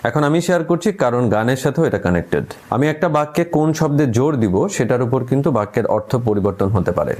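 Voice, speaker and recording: A man with a Bangladeshi Bengali accent giving a spoken singing lesson in a calm, explanatory way, slowing down to demonstrate which words to stress. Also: medium pitch. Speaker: vocal coach.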